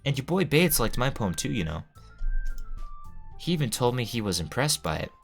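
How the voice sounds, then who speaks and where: A man's voice: mid-range voice, big pitch swings, moderate pace, gravelly, faint music behind. A man reading the lines of a bratty, feisty teenage girl from a game, in a snappy, mocking way.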